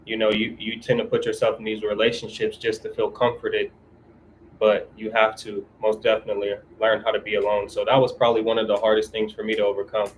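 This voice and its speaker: A man's voice: fairly low pitch, completely flat delivery, a little fast, a little hiss or hum, rough recording. A man from California in casual livestream chat, laid-back and slangy, reading viewer comments aloud and answering them. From California, USA.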